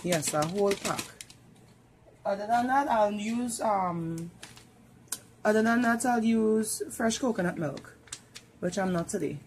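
A woman's voice: medium pitch, measured pace, long pauses, a little mellow, slight background noise. A woman with a Trinidadian accent, chatting casually as she walks viewers through cooking steps in her home kitchen. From Trinidad and Tobago. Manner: chatty, talks viewers through each step. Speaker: home cook.

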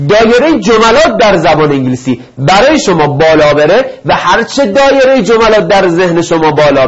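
A man's voice: on the high side, breathy edge, dull audio. A male teacher giving a recorded vocabulary lesson, reading each word twice before explaining it and speaking directly to his students. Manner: reads each word twice, then gives its meaning; encouraging, addresses students directly. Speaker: English teacher.

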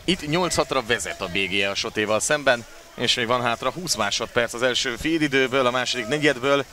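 A man's voice: medium pitch, bright, forceful tone. A man giving live water polo play-by-play commentary as a sports commentator. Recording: clear background noise of an outdoor venue.

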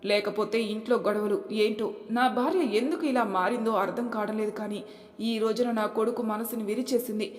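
A woman's voice: a little high, fairly quick, darkish tone, close to an everyday voice. A woman voicing a stern father announcing a decision, recorded with long hall reverb.

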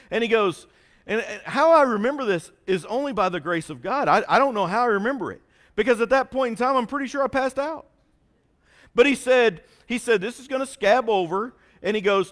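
Man, 40s, preacher; animated, self-deprecating storyteller, higher voice. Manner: animated, self-mocking storyteller with a folksy drawl. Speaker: pastor. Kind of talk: sermon storytelling. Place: church sanctuary.

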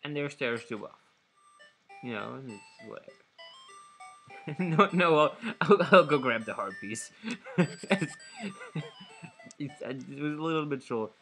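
A man narrating his game playthrough at an unhurried, drawn-out pace. He rambles, restarts his sentences and corrects himself. Soft background music plays faintly. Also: medium pitch, expressive. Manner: rambling, self-correcting, giggly asides. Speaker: let's play commentator. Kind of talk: casual game commentary.

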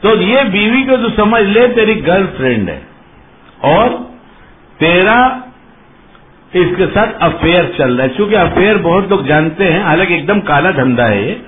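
A male religious preacher giving a lively sermon, quizzing his listeners and acting out little dialogues. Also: sits high, measured pace. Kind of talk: sermon with questions to the audience. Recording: muffled phone-like sound.

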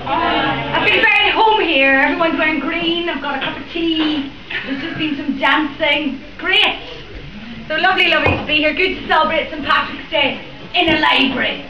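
This is a performance poet, a young woman with a Northern Irish accent, doing spoken word in a library event room. Her voice sits high at a moderate pace, and she jokes and chats between rhyming verses after a playful introduction. Background noise accompanies a roomy, distant, dull recording.

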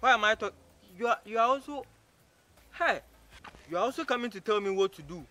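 A man's voice: a little high, a little fast, bright, forceful tone. An actor playing a rude, arrogant man who mocks and insults a stranger, stammering and repeating himself as he scolds her. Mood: scornful. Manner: scornful, mocking, repeats himself in stammering bursts. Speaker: actor in a short film. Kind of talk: short-film drama acting.

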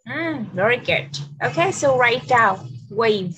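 A woman teaching an English lesson over a video call, switching between Vietnamese and English and repeating words slowly for dictation. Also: on the high side, lively intonation, a bit bright, a little hiss or hum, poor audio.

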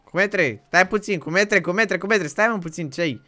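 A man playing in a game roleplay, pleading in a panic and shouting the same pleas again and again. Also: high voice. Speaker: roleplay streamer. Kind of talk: casual game roleplay chat.

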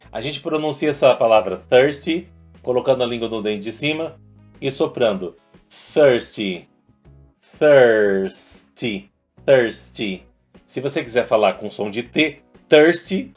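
A man teaches English through a rock song, explaining each line patiently in a voice of ordinary pitch. Now and then he stretches lyric lines out slowly as he sings them. Faint music plays behind him. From Brazil.

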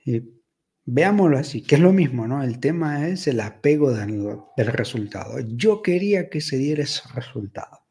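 A man's voice: mid-range voice, expressive, moderate pace, warm tone, breathy edge. A man giving advice in a casual, reflective monologue, telling personal stories and often checking in with tag questions.

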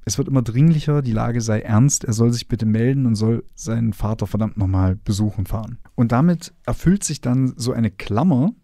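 A man's voice: mid-range voice, normal speed, hardly any pauses, warm tone, no room sound, clean studio sound. A man hosting a podcast, explaining a novel's plot in a casual, conversational way. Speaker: podcast host. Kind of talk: casual book discussion.

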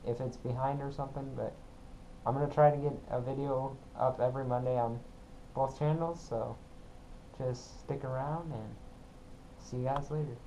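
A young adult man talking casually to a camera for his vlog, halting and apologetic as he goes. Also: mid-range voice, steady tone, dark tone. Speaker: vlogger. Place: small room at home. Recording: dull, muffled sound with clear background noise.

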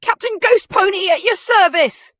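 A woman's voice: very high-pitched, lively intonation, normal speed, fairly bright tone, no room sound, clean studio sound, pitched above the performer's own voice. Woman doing a hammy pony pirate captain. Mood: hearty. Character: boastful playful male pony pirate captain.

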